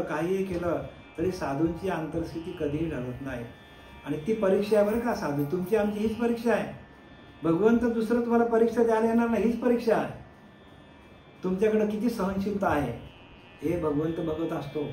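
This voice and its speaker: A high-pitched man gives a devotional discourse as a spiritual teacher. He asks his listeners questions, answers them himself, and draws out chanted verses slowly. The room is echoey, with faint instrumental music behind him. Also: mellow.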